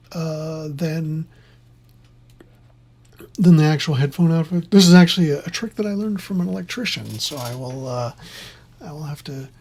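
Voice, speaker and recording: An instructor whose sex is unclear gives an informal, opinionated tutorial, rambling along in a husky, conversational, mid-range voice. The instructor works in theater sound.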